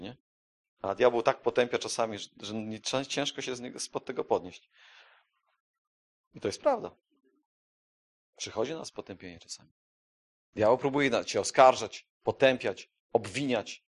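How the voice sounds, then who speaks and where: A man preaching a sermon who moves between quiet, conversational asides and loud, emphatic declarations, often putting questions to his listeners. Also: medium pitch.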